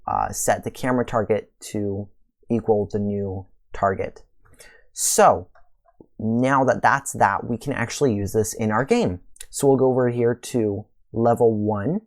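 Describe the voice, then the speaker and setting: A man hosting a screen-recorded coding tutorial, talking casually through each step, his voice a little worn. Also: on the low side. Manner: casual, relaxed walkthrough with fillers and pleased exclamations. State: slightly losing his voice. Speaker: tutorial host.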